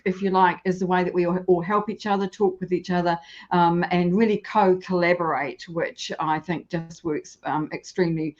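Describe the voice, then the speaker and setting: A woman's voice: lowish voice, darkish tone, dull audio. A woman hosting a live video interview, wrapping up with thanks and a few hesitant fillers. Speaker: host.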